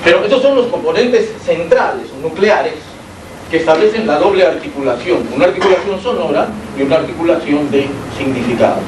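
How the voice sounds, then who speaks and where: A man's voice: a little high, lively intonation, fairly quick. A man from Peru with a Peruvian Spanish accent gives an academic lecture as a university lecturer. He explains things step by step and keeps checking in with his listeners through rhetorical questions. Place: lecture hall. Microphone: amplified by a sound system, recorded from the room. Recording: echoey hall, distant mic, faint hiss.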